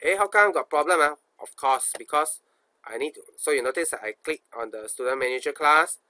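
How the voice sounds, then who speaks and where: Bright-voiced Singaporean man teaching coding. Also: on the high side, fairly quick, no echo. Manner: colloquial, asks himself questions, repeats phrases. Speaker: programming instructor. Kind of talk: informal screencast coding tutorial, thinking aloud.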